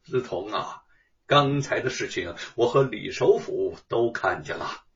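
A male storyteller voicing a calm, measured emperor with a lowered voice. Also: gravelly, dull audio, heavily acted.

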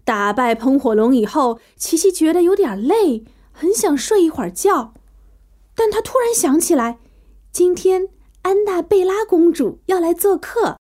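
A woman narrating a children's bedtime story with an animated, playful, expressive delivery. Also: sits high.

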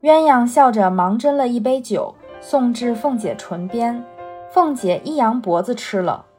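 A woman reading a classic novel aloud for a reading-club podcast, in a steady, even storytelling manner. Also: fairly high pitch, measured pace, faint music behind. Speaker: reader.

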